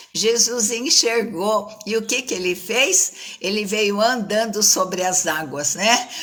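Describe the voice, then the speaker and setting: Woman giving a chatty sermon, keeps tacking on little questions, bright voice. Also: mid-range voice. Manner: conversational, tag questions after most phrases. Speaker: preacher.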